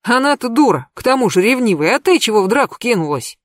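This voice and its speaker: A woman's voice: fairly high pitch, very animated, fast talker, no room sound, studio quality, pitched above the performer's own voice. A woman voicing a blunt, coarse young man scolding in an audiobook scene. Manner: barking, coarse.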